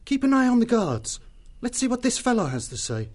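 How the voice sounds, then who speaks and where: A man voicing an earnest young male creature from an abbey, speaking calmly and pleading. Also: very high-pitched, fairly quick, pitched above the performer's own voice, exaggerated voice.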